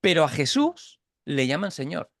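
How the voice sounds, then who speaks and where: A man's voice: a little high, very animated, normal speed, dry recording, clean studio sound. Spanish man teaching a Bible class. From Catalonia. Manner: explanatory, many restarts and checking questions. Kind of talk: informal online Bible class. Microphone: video call.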